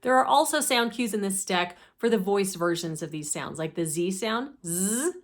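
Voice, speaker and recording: A woman speech therapist giving a deliberate, methodical instructional explanation of a teaching method. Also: medium pitch. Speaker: speech therapist presenting her own teaching deck.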